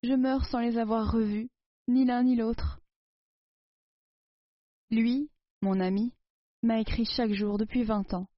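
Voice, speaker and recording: A woman reading a story aloud and voicing a dying old mother who laments and pleads with deep grief. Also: steady tone, slow pace, long pauses, no echo. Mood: lamenting. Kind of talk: audiobook dialogue reading. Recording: dull, dry recording.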